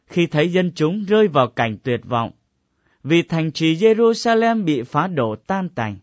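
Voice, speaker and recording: A man's voice: high voice, no room sound. Solemn man reading scripture. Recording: dull, dry lo-fi recording.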